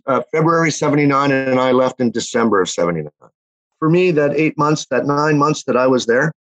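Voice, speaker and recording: A man's voice: medium pitch, no echo. Canadian man, fifties, rambling storyteller, fillers and restarts, dull dry recording. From Winnipeg, Manitoba, Canada. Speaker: interview guest. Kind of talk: casual chat, reminiscing.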